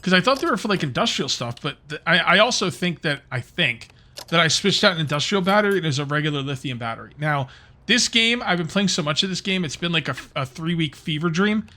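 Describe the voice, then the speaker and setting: Chatting with his audience while gaming, this YouTuber gives rambling let's-play commentary. His voice is a little high, with lively intonation, a quick pace, and a bright, forceful tone.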